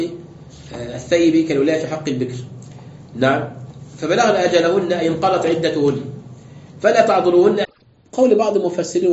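Fast-talking sheikh in roomy lecture hall. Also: male voice, on the high side, darkish tone. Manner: explains step by step, asks rhetorical questions. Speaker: sheikh teaching tafsir and fiqh. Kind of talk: classroom lecture with questions. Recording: dull roomy lecture recording, faint noise.

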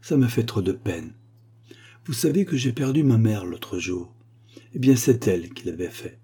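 A man doing a heartbroken poor schoolteacher in a storybook reading, low husky voice, soft and mellow, pleading gently. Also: lively intonation, moderate pace, heavily acted. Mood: sorrowful.

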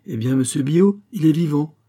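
A man's voice: on the high side, animated, normal speed, warm tone, slightly rough, voice pushed up. A man reading an audiobook, voicing an eager young peasant patriot who talks with breathless insistence. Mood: insistent.

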